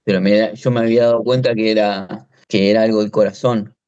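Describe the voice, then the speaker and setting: A natural farmer in his forties from Buenos Aires, Argentina, speaks with an Argentine accent as an interview guest, informally telling his own story and often breaking off to rephrase. His lowish, darkish voice moves fairly quickly with little pitch movement, and the recording is muffled.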